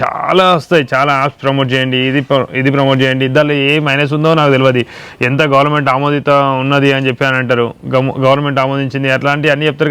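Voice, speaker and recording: A man chatting casually on a home vlog, answering viewers at a brisk, tumbling pace. His voice is crisp and smooth, a touch high for a man. The recording is dry and close. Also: fairly bright tone, no room sound. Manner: fast, rambling explanations. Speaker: vlog co-host. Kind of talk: casual chat reading viewer comments.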